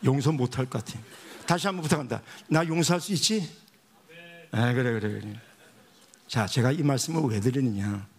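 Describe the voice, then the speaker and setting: A man's voice: medium pitch, a little fast. A male missionary pastor preaching a sermon, telling a funny story and acting out the dialogue. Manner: animated storyteller who acts out dialogue. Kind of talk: sermon with humorous anecdote.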